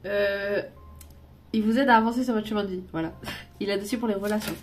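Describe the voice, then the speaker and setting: A woman's voice: mid-range voice, rapid-fire, faint music behind. A woman doing a casual tarot and oracle card reading, rambling and laughing often, tossing in English words now and then.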